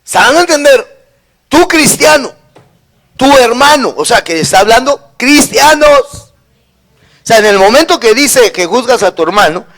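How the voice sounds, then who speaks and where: Lively high-voiced Guatemalan pastor. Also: male voice, normal speed. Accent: Guatemalan Spanish. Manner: conversational preaching, often checks in with the congregation. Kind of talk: sermon with personal story.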